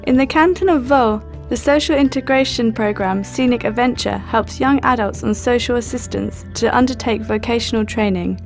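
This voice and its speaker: Woman narrating with a gravelly edge. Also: fairly high pitch, normal speed, few pauses. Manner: even, informative reading. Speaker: documentary narrator. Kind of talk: scripted narration. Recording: faint music underneath.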